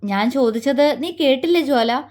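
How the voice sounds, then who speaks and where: A woman's voice: high-pitched, animated, moderate pace, a little mellow. A woman voicing an outspoken young woman who is fiercely loyal to her friend, in an audio story. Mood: serious. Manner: blunt, earnest, caring.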